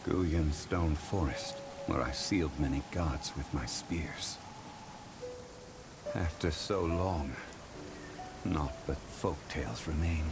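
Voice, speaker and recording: Zhongli, a deep, solemn ancient god. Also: male voice, vocal fry, very noisy, heavily acted. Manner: measured, formal and unhurried. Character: ancient god in human form, calm, dignified, scholarly man. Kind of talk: game cutscene voice acting. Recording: game music under the voice.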